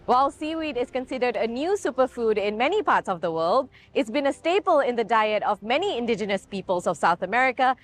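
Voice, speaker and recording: Higher-voiced woman narrator. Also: animated, brisk, hardly any pauses, soft background music. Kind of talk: scripted narration.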